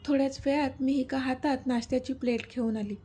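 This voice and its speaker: Husky woman narrating a story. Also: high voice, fairly even intonation, fast, warm tone.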